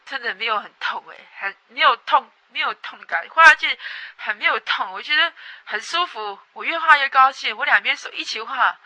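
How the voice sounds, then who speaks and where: A young woman from Taiwan, giving a personal testimony in a halting way that repeats words and swings between loud and soft. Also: on the high side, dry recording. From Taiwan, Atayal people. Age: young adult.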